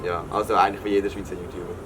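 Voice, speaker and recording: A man's voice: sits low, level tone, racing. Playful Swiss German man, noisy background. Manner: playful, teasing banter. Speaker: YouTuber host. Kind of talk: casual guessing-game chat. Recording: noisy background with vehicle sounds.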